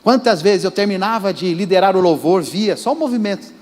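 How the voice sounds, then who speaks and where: A man preaching as pastor in a church sanctuary speaks Brazilian Portuguese in a high, a little mellow voice. He is brisk and animated, emphatic as he speaks straight to the congregation, and the recording carries church reverb.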